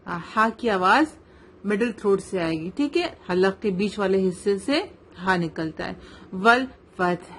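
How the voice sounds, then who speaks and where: A woman with a Pakistani Urdu accent teaching tajweed in an online lesson, slowly modelling recitation and checking with the student. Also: medium pitch, a little hiss or hum. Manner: slow, careful modelling of recitation, checks with "right?".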